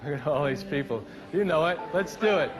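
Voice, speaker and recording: A man's voice: on the high side, expressive, fairly quick, background noise. A man giving a live storytelling talk on stage, playful at times and reflective at others. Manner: playful, leads the audience in gestures and song; reflective, builds to earnest points. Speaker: storyteller and speaker. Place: stage before a live audience.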